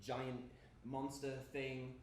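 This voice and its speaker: A young man on an indoor stage voices an eager, lonely gamer, awkward and friendly, rambling through nervous apologies in naturalistic live dialogue. He speaks at medium pitch in a monotone, drawing out words, with a crowd in the background. The sound is echoey and distant, with background noise.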